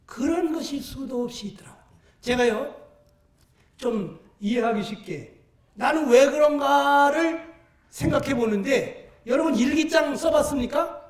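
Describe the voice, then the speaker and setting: A man in his sixties delivers a sermon with a strikingly high, carrying voice. He tells stories animatedly and breaks into shouts and acted-out voices. The sound is roomy and distant, with a church echo and the mic set well back. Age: 60s. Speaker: pastor.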